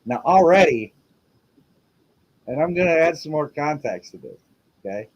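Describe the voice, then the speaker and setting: A man's voice: fairly high pitch, big pitch swings, normal speed, lo-fi sound. A man hosting a casual livestream, chatting and rambling as he reacts to video clips he plays. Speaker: show host.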